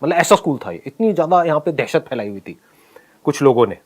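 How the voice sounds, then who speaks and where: A middle-aged man casually telling a personal story, animated, often laughing and acting out what people said. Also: on the high side, quick pace. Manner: animated, laughs while telling, acts out quoted lines.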